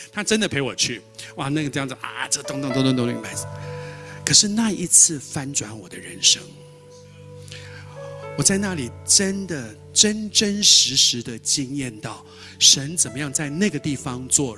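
A man preaching a sermon as a lively storyteller who repeats words and acts out dialogue. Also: fairly high pitch. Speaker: pastor.

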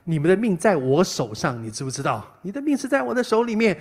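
Guy doing a cocky bully king, taunting and bossy, kinda high voice. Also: sing-song, quick pace, breathy edge, big-room sound, exaggerated voice. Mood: threatening. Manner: taunting, domineering. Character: arrogant threatening tyrant king, male adult.

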